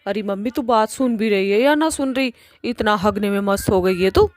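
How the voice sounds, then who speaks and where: A woman voicing a pushy, lovesick young witch daughter in a cartoon, talking in a loud nagging way. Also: medium pitch, normal speed, lightly acted.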